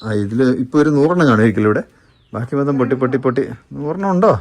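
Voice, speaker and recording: A woman's voice: a bass voice, lively intonation, very fast, darkish tone. A woman chatting casually in a home vlog, teasing and coaxing small children outdoors and then inside the house. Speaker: family vlogger.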